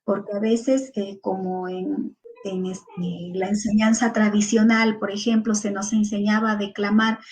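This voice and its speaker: A woman's voice: mid-range voice, flat delivery, measured pace, a little mellow, low-quality recording. A woman with a Peruvian Spanish accent giving a lecture to teachers, explaining things step by step and listing examples one after another, with fillers between them.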